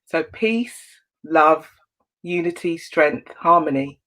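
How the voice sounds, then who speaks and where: A woman from Antigua, a guest in a casual online chat, talking lively and bantering playfully over a video call. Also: deep voice, slow pace.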